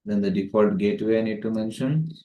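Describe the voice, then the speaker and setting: With a fairly low, warm voice, a man talks quickly through a networking tutorial, laying out each step methodically. The recording is muffled, with roomy echo from a distant mic.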